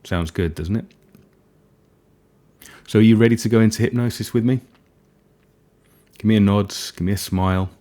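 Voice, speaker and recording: Unhurried and breathy, a man with a lowish voice conducts a hypnosis session. His tone is soft and soothing, and he leaves gentle gaps between phrases.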